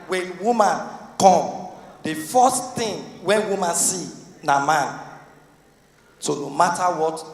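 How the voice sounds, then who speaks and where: A man with a Nigerian Pidgin accent doing live stand-up comedy, loud and excitable, shouting punchlines at the crowd. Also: a little high, reverberant, long reverb tail, recorded from a distance. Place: large event hall with live audience.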